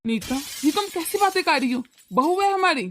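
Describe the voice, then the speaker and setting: Woman doing a weary old cartoon father-in-law, high-pitched, soothing and pleading. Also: lively intonation, normal speed, slight background noise. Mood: placating. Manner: pleading, placating. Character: weary older father-in-law, calm peacemaker. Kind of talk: cartoon voice acting.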